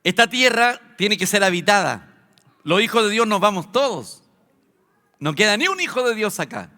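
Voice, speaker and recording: A man with a Chilean Spanish accent preaching a sermon to a congregation, teaching conversationally with filler pauses. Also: high voice, big pitch swings, bright, forceful tone. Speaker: pastor. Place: church hall. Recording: long hall reverb.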